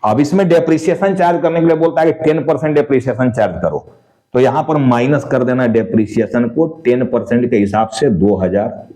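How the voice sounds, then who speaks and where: In this explanatory accounts lecture, a man walks students through the material step by step, posing questions and answering them himself. He checks on the class with frequent "dekho" and "theek hai." His voice is mid-range, fairly quick, and dark, on a low-quality recording.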